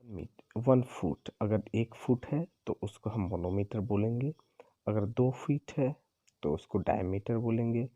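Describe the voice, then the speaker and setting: Guy teaching exam prep, really dark husky voice, goes slow and repeats stuff, dry close sound. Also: on the low side, no echo, highs cut off. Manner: explains slowly, repeats and corrects himself. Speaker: English teacher.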